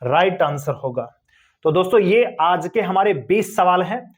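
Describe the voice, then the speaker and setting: A man's voice: high-pitched, lively intonation, a little slow. A man teaching a grammar lesson for exam preparation, walking through each question step by step, asking rhetorical questions and addressing viewers as friends.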